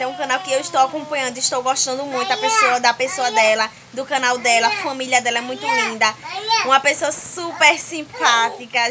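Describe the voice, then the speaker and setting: A young Brazilian woman with a Brazilian accent, chatting casually to viewers in a home vlog, filmed on a phone at arm's length indoors. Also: sits high. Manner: chatty, keeps addressing viewers warmly with diminutives. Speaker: home vlogger.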